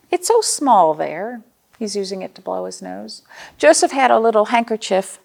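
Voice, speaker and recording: With a mid-range voice touched by vocal fry, an American woman hosts storytime for young children as their librarian, reading aloud expressively and using questions to explain things simply.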